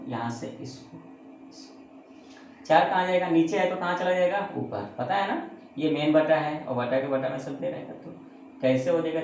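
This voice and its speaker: A man's voice: fairly high pitch, creaky, darkish tone, a little hiss or hum. A man teaching a math lesson who asks and answers his own questions, with chatty, joking asides. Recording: very echoey room.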